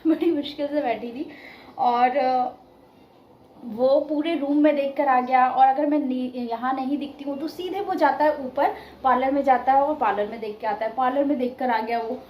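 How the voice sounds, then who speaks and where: A woman's voice: sits high, darkish tone. A woman in her thirties, a vlogger chatting casually at home, telling a story and laughing, recorded on a phone. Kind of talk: casual vlog chat. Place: at home, echoey room. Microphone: phone camera. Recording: echoey home room, faint room noise.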